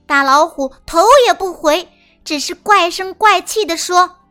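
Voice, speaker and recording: A woman telling a children's story as a small timid mouse, in a sweet, expressive, sing-song manner. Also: very high-pitched, measured pace, soft background music.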